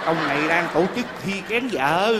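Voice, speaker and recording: An actor playing an indignant grown son in a stage comedy sketch, speaking. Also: male voice, a little high, lively intonation, moderate pace, close to an everyday voice. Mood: curious. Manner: indignant shouting. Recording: live stage, loud crowd noise.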